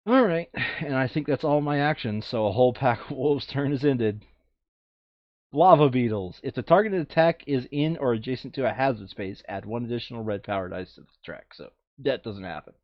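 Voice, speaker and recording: Reading rules and narrating his moves as he thinks aloud, a board game player gives casual commentary on a playthrough show. He speaks a little fast in a medium-pitched voice, and the dry recording has its highs cut off.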